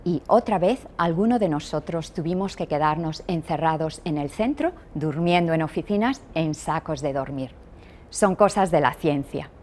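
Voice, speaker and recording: A woman engineer hosting an interview, speaking in a measured, scripted way. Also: low-pitched, darkish tone. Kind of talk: hosted interview.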